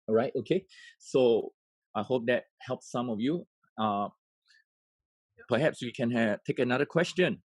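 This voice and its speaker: A man's voice: medium pitch, measured pace, pauses often, slightly rough, no echo, poor audio. A man, an education coach giving an earnest webinar talk. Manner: earnest, with many fillers and restarts.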